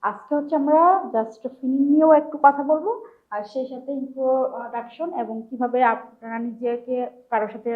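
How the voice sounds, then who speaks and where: A woman's voice: high-pitched, steady tone, moderate pace, narrow, tinny audio. A woman teaching a recorded language lesson, explaining step by step and sounding out syllables one at a time, with frequent fillers.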